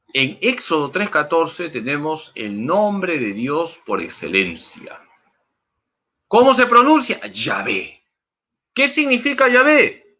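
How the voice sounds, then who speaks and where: Bright-voiced priest teaching slowly. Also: male voice, a little high. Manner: emphatic and didactic, repeats key points. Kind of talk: Bible teaching talk.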